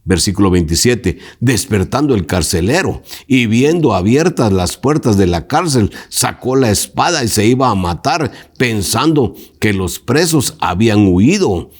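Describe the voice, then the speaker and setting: A man's voice: on the low side, very animated, measured pace, hardly any pauses, husky. A male pastor teaching a Bible lesson, emphatic and preacherly, putting direct questions to his listeners.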